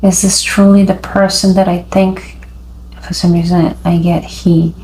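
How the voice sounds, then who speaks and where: A woman giving an intuitive tarot reading, speaking in a halting, dreamy way with frequent pauses. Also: on the low side, little pitch movement, dark tone, a little hiss or hum, low-quality recording. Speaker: tarot reader.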